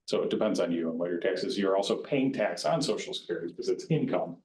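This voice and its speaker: A man's voice: low voice, lively intonation, fast talker, darkish tone, slight background noise. A man advising county staff on retirement plans in a plain-spoken, conversational way. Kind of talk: informal educational presentation. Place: county board meeting room. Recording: roomy meeting-room echo.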